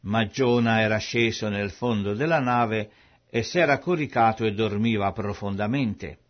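A man giving a solemn, measured scripted Bible reading, on a dull lo-fi recording. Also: on the low side. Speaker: scripture reader.

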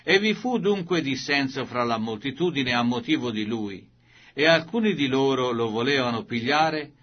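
Husky man reading scripture slowly. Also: mid-range voice, animated, highs cut off. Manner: slow, deliberate, measured delivery. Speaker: scripture reader.

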